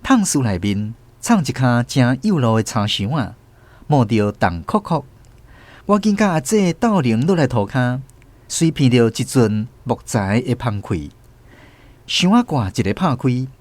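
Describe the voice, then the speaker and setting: Narrating a scripted radio story for children, a Taiwanese-accented man tells it expressively in a mid-range voice at a measured pace. There's no room sound in the recording.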